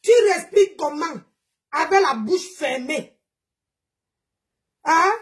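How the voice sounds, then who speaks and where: A woman's voice: high-pitched, lively intonation, takes it slowly. A woman, ranting mockingly during a live stream, scolding and exclaiming while nursing a strained voice. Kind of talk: live-stream gossip rant.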